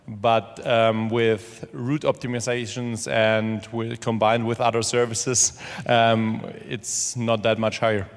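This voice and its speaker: Man, flat monotone, hesitant, hall reverb. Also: mid-range voice, takes it slowly, few pauses. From Germany. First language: German. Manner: hesitant, restarts, many fillers. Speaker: panelist, company CEO. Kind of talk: halting panel answers. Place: large conference hall.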